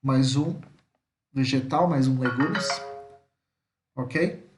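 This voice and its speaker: A Brazilian man teaching a slide-based lesson, patiently repeating each word slowly and checking in with his listeners. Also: medium pitch, reverberant, over music. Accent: Brazilian Portuguese.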